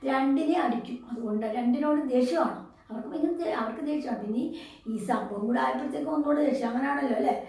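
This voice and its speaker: A woman's voice: sits high, fast, a little mellow. A woman teacher, explaining a story to her class. She asks the pupils questions and answers them herself. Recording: echoey room, voice from far off.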